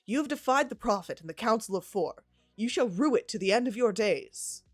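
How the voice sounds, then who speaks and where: A woman's voice: mid-range voice, sing-song, normal speed, no echo, clean studio sound, voice pushed up, close to an everyday voice. A woman voicing a pompous young preacherly suitor. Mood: furious. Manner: boastful, solemn, then threatening.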